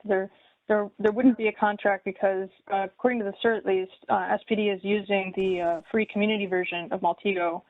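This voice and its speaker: A woman's voice: medium pitch, no echo. A woman giving a detailed, methodical public comment at a city meeting. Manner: detailed, methodical, with many ums. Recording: tinny phone-like line.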